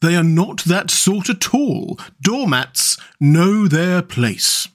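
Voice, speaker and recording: A man voicing a self-pitying, literal-minded male mole in a storybook, in a plaintive, pettish, deliberate way. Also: a little high, sing-song, full character voice. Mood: pettish, sarcastic. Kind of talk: storybook character voice.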